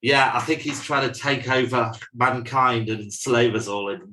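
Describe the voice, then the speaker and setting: A man's voice: mid-range voice, fairly even intonation, moderate pace, bright, forceful tone, slight background noise, rough recording. A man co-hosting a podcast in casual chat, teasing his co-host and running the scoring. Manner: teasing, bantering, runs the scoring.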